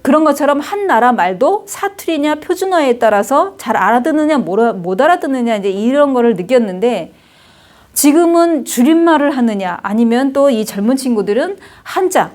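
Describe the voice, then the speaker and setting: Speaking at a moderate pace, a middle-aged woman with a high-sitting, animated but darkish voice gives a relaxed lecture on Chinese characters. As the Hanja lecturer, she chats freely, leaning on fillers and tag questions.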